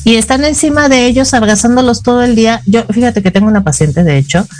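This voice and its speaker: A woman's voice: a little high, fast talker, a little mellow, faint music behind. A middle-aged woman with a Mexican accent, a psychologist co-hosting a casual talk show and explaining with frequent "ajá" fillers. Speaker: psychologist co-host.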